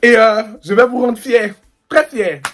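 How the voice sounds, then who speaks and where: A young man from the Paris suburbs telling a slangy, animated storytime to his viewers. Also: extremely high pitch, a little slow, slight background noise. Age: young adult. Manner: animated and slangy, mimics people. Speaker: vlogger. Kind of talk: storytime vlog.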